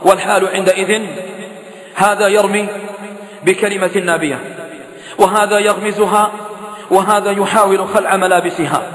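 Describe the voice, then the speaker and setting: A man's voice: sits high, fairly even intonation, normal speed, pauses often, fairly bright tone. A man preaching an emotional sermon with an impassioned, pleading delivery. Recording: echoey hall reverb.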